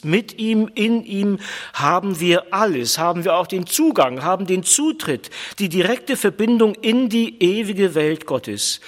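A man preaching a sermon with emphatic repetition, slowing down on key words. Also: sits high. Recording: long reverb of a large hall.

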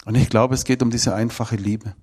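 A man's voice: mid-range voice, steady tone, moderate pace, darkish tone, slightly rough. A man, telling his personal testimony in an emphatic, emotional way. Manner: emphatic, emotional storytelling with shifting volume.

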